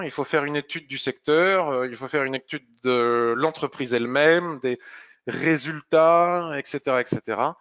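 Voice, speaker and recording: A man presenting a live market review, explaining charts while thinking aloud, pausing and clearing his throat. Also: mid-range voice, fairly bright tone, dull audio. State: slightly hoarse, clearing throat.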